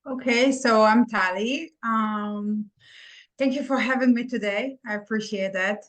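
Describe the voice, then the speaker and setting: This middle-aged nurse practitioner from Israel talks with a fairly high, fairly bright voice at a slightly slow pace. Appearing as a podcast guest, she converses in a casual, candid way with an Israeli accent.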